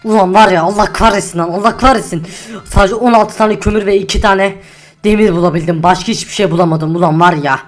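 A woman's voice: medium pitch, fast talker, close to an everyday voice. A greedy, hot-tempered man who lives for diamonds, grumbling and cursing his way through a game role-play, as a woman acts him out. He swears constantly and repeats himself in a mid-range voice. Faint music plays behind him. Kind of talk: Minecraft role-play acting.

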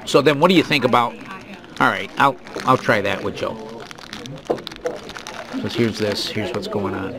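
A man's voice: on the low side, normal speed, pauses often, crowd noise. A man chatting casually about business in private, picked up by a hidden wire under clothes. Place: busy restaurant, indoors. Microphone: hidden body wire under clothes.

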